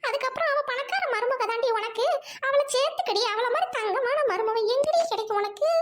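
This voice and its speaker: A woman playing a cruel, scheming rich mother-in-law who shouts insults and laughs mockingly in a family skit. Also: extremely high pitch, brisk, very noisy, voice pushed up. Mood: ranting.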